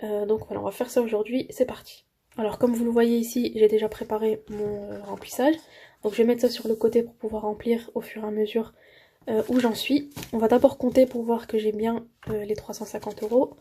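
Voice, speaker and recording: A woman's voice: fairly high pitch, flat delivery, brisk, a little hiss or hum. A young woman vlogging her monthly budget, chatting enthusiastically with many fillers as she fills savings envelopes. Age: young adult. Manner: counts banknotes softly under her breath. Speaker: budgeting YouTuber. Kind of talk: casual vlog narration while filling savings envelopes.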